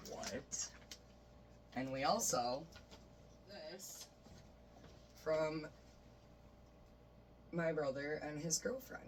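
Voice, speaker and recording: A man's voice: medium pitch, fairly bright tone. A man chatting casually and enthusiastically as he shows off his record collection, rambling with many fillers. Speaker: vlogger showing a vinyl record collection. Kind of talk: casual chat. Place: bedroom. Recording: voice a bit distant from the mic, faint noise.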